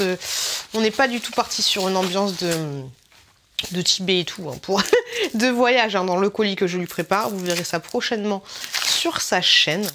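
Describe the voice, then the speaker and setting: A woman's voice: medium pitch, background noise. A woman vlogger chatting casually and giggling as she opens a swap package, exclaiming often. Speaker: YouTuber opening a swap package. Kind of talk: casual unboxing chat.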